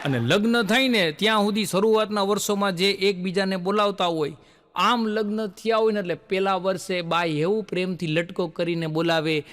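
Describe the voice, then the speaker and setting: A man's voice: high-pitched, moderate pace, fairly bright tone. A man telling stand-up jokes, a folksy storyteller who acts out the people in his stories. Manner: folksy storyteller acting out quoted characters. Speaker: comedian. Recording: long hall reverb.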